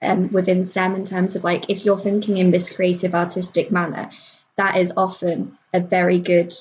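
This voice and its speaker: A young woman explains her views in a measured, reflective way during a casual discussion. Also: on the low side, monotone, a little hiss or hum, rough recording.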